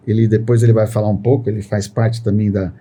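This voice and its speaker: A podcast host talks in long, rambling sentences, constantly tacking on "né" as a filler question. His voice is lowish and warm, with a level tone and a quick pace, in a podcast conversation.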